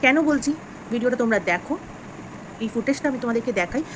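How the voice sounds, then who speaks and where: A woman's voice: fairly high pitch, fast, background noise. A woman vlogging straight to camera, earnest and upset, pleading with viewers. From West Bengal, India. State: unwell. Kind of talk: direct-to-camera vlog commentary.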